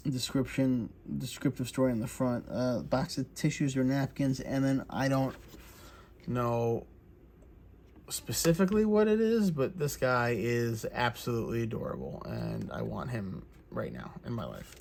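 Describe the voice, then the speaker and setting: A man of mid pitch talks through a craft kit unboxing in a relaxed, chatty way, filling pauses with plenty of "uh" and "um". A faint hiss of noise sits under his voice. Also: creaky. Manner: relaxed, chatty, many fillers. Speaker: crafts channel host. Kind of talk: casual unboxing walkthrough.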